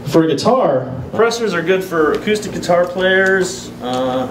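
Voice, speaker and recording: A man's voice: high-pitched, lively intonation, noisy background. Middle-aged man teaching guitar effects. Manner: casual and explanatory, pausing to play examples. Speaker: guitar clinic presenter. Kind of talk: live demonstration talk. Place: music store floor. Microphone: handheld microphone. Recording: roomy live sound from a distance. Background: guitar playing.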